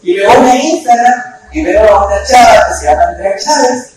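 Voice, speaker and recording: High-voiced, animated preacher in an echoey hall. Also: male voice, moderate pace. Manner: animated, shouting at emotional peaks. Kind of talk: sermon with storytelling. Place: church. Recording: echoey church hall, distant mic, room noise.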